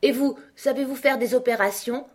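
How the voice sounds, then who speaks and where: A woman's voice: high voice, normal speed, voice pushed up. A woman reading an audiobook, voicing an earnest, polite young girl who reasons things through carefully.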